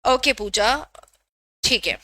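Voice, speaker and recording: A young woman teaching a live online Hindi exam-prep class, brisk and teasingly scolding, repeating each question to her students. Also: medium pitch, bright, forceful tone, dry recording.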